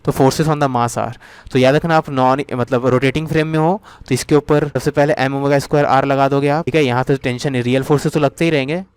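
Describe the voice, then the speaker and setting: A man's voice: medium pitch, steady tone, clean tone, no echo. Man teaching physics in Hindi. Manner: mixes Hindi explanation with slowly read English question text; checks in often with "theek hai na". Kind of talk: exam revision lecture.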